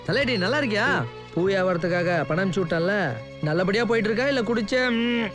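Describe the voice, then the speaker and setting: A man's voice: high voice, fast talker, over music, natural voice. An actor playing a cheerful young village man returning home. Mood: affectionate. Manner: warm, teasing, lively greetings. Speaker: lead character. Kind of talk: film drama acting.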